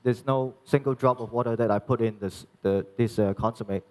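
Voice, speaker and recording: A young chef from Hong Kong talks an audience through a live cooking demonstration. He explains each step patiently but haltingly, restarting his phrases often. His voice rings with the long reverb of a large hall. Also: medium pitch, fairly even intonation, darkish tone.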